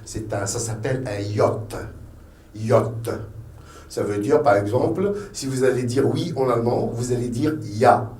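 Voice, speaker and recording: A man's voice: mid-range voice, moderate pace, a little mellow, echoey room, far from the mic. A man with a Tunisian French accent teaching a beginner language lesson, patiently repeating each letter and sound.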